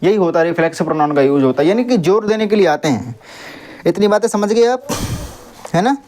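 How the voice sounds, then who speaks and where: High-pitched and fairly quick, with lively intonation and a darkish tone, a young man runs an English grammar class. He asks his pupils questions only to answer them himself, and now and then tells off the noisy ones.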